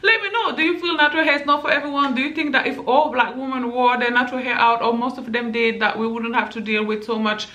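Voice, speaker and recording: Blunt, bright-voiced woman vlogger. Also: on the high side, fast, few pauses. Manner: blunt, animated, talks straight to viewers. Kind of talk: opinion vlog. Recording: echoey room.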